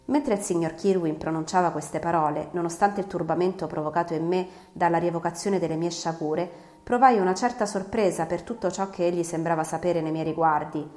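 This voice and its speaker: A woman narrating a classic novel in the first person, measured and literary. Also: on the low side, a little mellow. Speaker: audiobook reader. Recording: roomy recording, faint music.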